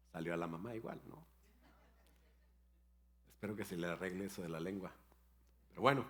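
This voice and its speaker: An older man, a pastor, preaching a sermon in a storytelling way with playful asides about his grandchildren. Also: lowish voice.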